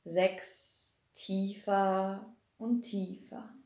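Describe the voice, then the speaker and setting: A woman guiding a relaxation meditation, speaking in a soothing way and slowly counting down to deepen the relaxation. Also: level tone, dark tone, reverberant. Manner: slow, soothing, repetitive counting down. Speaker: meditation guide. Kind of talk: guided hypnosis meditation.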